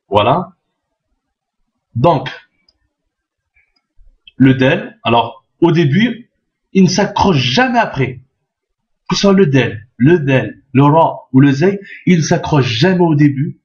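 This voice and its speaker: A man teaching an Arabic reading lesson, patient and repetitive, checking often that the learners follow. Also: medium pitch. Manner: patient, repeats each point, checks with "d'accord?". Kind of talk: step-by-step language lesson. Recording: dull lo-fi sound.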